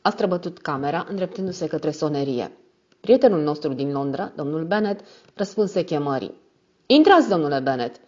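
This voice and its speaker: A woman reading a detective story aloud as an audiobook narrator, in steady scripted narration. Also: sits low, muffled recording.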